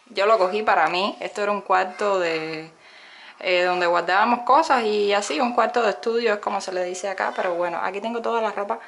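A woman's voice: mid-range voice, fairly bright tone, slight background noise. A young woman from Cuba with a Cuban Spanish accent, casually narrating a tour of her home to her viewers, talking from behind a handheld phone with many "eh" fillers. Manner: chatty, many "eh" fillers, addresses viewers directly. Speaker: vlogger giving a house tour. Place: small home, indoors. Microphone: handheld phone camera, speaking from behind it.

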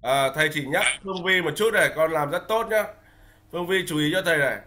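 A man's voice: on the high side, pushed and bright. Patient male teacher on a video call. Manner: patient and coaxing, slowly modelling English phrases for repetition. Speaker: teacher of an online English class for young children. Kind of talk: online class teaching, mixing Vietnamese instructions with English drills.

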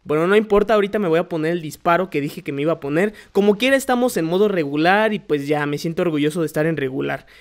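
A man giving gameplay commentary, excitable, yelping and swearing when he gets hit. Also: fairly high pitch, fast talker, few pauses. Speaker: gamer. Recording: faint music behind.

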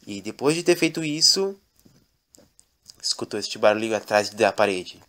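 A man's voice: lowish voice, animated, normal speed, a bit bright. A man telling an absurd comic story in a mock-dramatic, repetitive storytelling manner.

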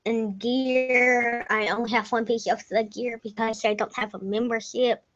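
A young woman with a slightly high voice narrates a computer game at a measured pace and in a steady tone. She rambles casually, fixes her own mistakes and occasionally lowers to a whisper, recorded on a desk mic with dull lo-fi home quality.

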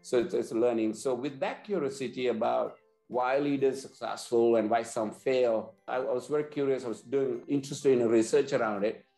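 A man's voice: mid-range voice, moderate pace, vocal fry, warm tone, reverberant, faint music behind. A man in his forties from Sri Lanka, an earnest business leader interviewed over a video call, often repeating words as he restarts. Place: indoor office, plain wall. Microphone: video call webcam.

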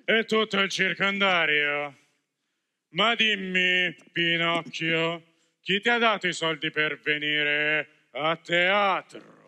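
A male student actor playing a blustering, soft-hearted puppet master in a school stage musical, theatrical and melodramatic. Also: on the high side, slow, clean tone, heavily acted. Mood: gruff. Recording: reverberant theater hall.

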